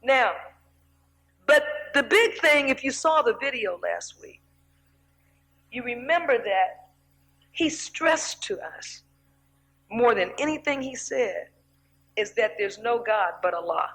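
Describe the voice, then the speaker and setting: An older woman minister preaching a sermon, telling stories animatedly and acting out excited shouts. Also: on the high side, slow, long pauses, rough recording.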